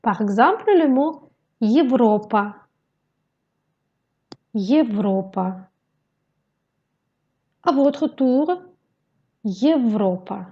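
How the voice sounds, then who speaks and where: A woman teaching Russian vowels in a slow pronunciation lesson, carefully modelling each sound. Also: high-pitched, expressive, dark tone, slightly rough, highs cut off.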